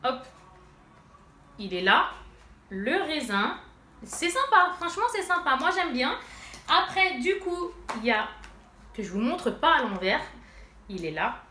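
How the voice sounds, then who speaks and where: A woman's voice: high-pitched, sing-song, measured pace, long pauses, sharp tone. A woman vlogger with a stuffy nose from allergies, chatting casually to her viewers as she shows and swatches makeup. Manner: chatty, addresses viewers directly, many fillers. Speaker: beauty vlogger. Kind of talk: casual haul and swatch demo. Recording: echoey room, faint noise.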